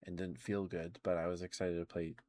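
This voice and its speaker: Low-pitched young man rambling in soft ASMR. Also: flat delivery, dry recording. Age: young adult. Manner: rambling, giggly, halting. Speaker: ASMR streamer.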